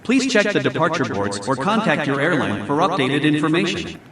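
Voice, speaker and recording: Echoey, higher-voiced male airport announcer. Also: big pitch swings, recorded from a distance. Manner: formal, measured public-address delivery. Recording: very echoey, faint background noise.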